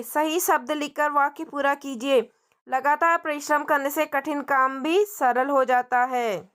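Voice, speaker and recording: High-voiced woman teaching young children. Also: fairly bright tone. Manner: explains in simple Hindi mixed with English words; friendly, asks the children questions as she goes. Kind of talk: textbook lesson for young children.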